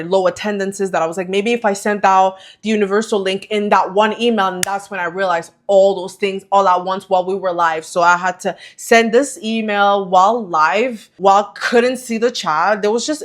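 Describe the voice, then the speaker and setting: Woman vlogger, casual talking-head delivery, lively and self-correcting. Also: mid-range voice. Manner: chatty, self-correcting, animated. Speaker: vlogger and coaching business owner.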